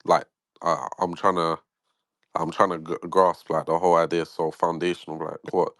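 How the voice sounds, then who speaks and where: A man's voice: low voice, level tone, normal speed, a bit bright, no echo. A man calling into an audio chat, asking curious questions hesitantly with lots of fillers. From London, England. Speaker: caller in an audio chat room. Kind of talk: casual chat.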